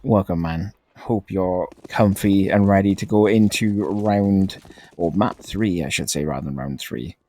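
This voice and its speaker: A man giving relaxed, rambling live commentary on a competitive game as a caster, laughing often. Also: low-pitched, unhurried. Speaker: esports caster.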